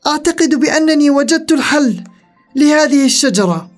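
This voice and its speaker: A woman voicing an eager, loving little girl in a storybook, high and pleading. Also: lively intonation, brisk, faint music behind. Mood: hopeful.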